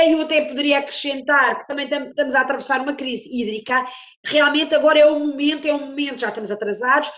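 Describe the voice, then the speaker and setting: Female workshop speaker, distinctly high voice, halting semi-formal delivery, echoing room sound. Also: fairly bright tone. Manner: halting, searching for words.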